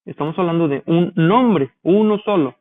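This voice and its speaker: A male teacher giving a grammar lesson, explaining rules slowly and spelling out letters, pausing to check that listeners follow. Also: on the high side. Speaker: English teacher. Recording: tinny phone-like audio.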